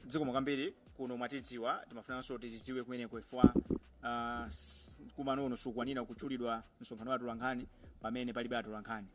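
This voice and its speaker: A man's voice: medium pitch, little pitch movement, racing, background noise. Malawian man formally addressing a press briefing. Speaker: organisation leader hosting a press conference.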